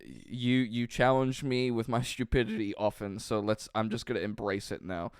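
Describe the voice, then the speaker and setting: A man's voice: lowish voice, moderate pace, clear, resonant tone, no room sound, clean studio sound. A young man from New Zealand, co-hosting a podcast in casual chat, rambling and mocking himself with frequent laughs. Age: young adult. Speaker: podcast co-host.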